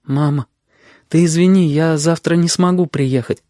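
A man voicing a shy young female student in an audiobook, speaking quietly and apologetically. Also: a little high, steady tone, normal speed, dry recording, clean studio sound, voice pushed up, close to an everyday voice. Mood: apologetic.

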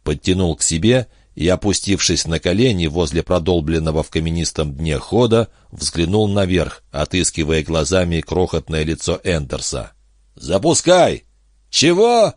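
A man reads an audiobook in steady, measured scripted narration. His voice is very deep and recorded dry and close. The delivery stays even and unhurried. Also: no room sound.

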